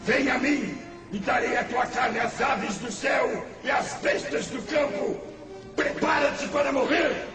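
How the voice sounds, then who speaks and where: An actor playing a boastful, mocking giant warrior in a radio play, booming and taunting theatrically. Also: male voice, fairly even intonation, measured pace, gravelly, distant mic, crowd noise, exaggerated voice. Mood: menacing, scornful. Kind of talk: dramatized radio play acting. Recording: cavernous echoing reverb, music behind.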